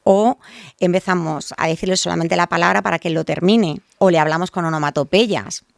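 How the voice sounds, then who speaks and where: Lady w/ a gravelly lowish voice, explains stuff to parents, acts out little examples, dry close sound. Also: brisk, dry recording. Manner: clear explanatory talk with lively acted examples for parents. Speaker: child language specialist guest. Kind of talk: explanatory podcast interview.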